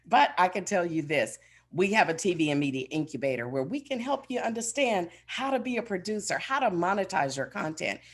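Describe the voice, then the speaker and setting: A woman giving a motivational business keynote with polished corporate enthusiasm, speaking emphatically and straight to her listeners. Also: low-pitched. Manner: emphatic, addresses listeners directly.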